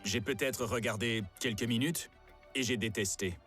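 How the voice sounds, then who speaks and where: A man calmly recounting, with some regret, his time as the star of a reality show, in a dubbed documentary interview. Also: medium pitch, moderate pace, faint music behind. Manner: calm, rueful first-person recounting.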